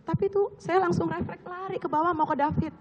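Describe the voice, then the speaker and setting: A hoarse woman with a high voice gives courtroom testimony, recounting events earnestly step by step. Her voice rings with a long hall echo, and the sound is muffled and lo-fi. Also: steady tone, quick pace. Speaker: witness.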